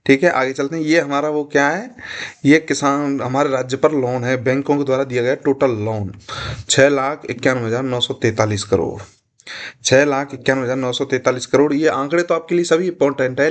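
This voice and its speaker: A young man teaching an online exam-prep class, speaking informally and repeating figures as he talks straight to his students. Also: on the high side. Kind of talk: online lecture on exam questions.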